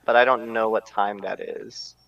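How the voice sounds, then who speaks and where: A man's voice: lowish voice, fairly even intonation, normal speed, gravelly, fairly bright tone, no room sound, muffled recording. A man playing in a tabletop game, chatting in an easygoing way over a voice call. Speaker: player. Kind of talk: casual chat during a tabletop game.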